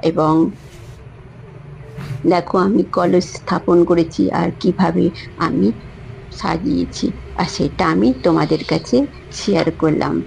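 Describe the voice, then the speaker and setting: Woman vlogger, low gruff voice, repetitive devotional narration. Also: slight background noise, poor audio. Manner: repetitive, gentle, chants prayers slowly. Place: home shrine and her parlour.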